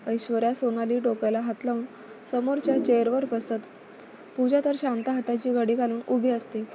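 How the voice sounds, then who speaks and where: A woman narrating a romantic serial story at a steady, even pace. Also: on the high side, moderate pace, a little hiss or hum.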